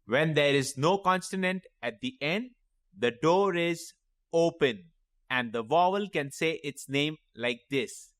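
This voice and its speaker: A man teaching a children's phonics lesson, sounding out letters and words slowly and clearly and encouraging young learners. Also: on the high side, lively intonation, fairly bright tone, dry recording, studio quality. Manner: slow, clearly sounding out each letter and word.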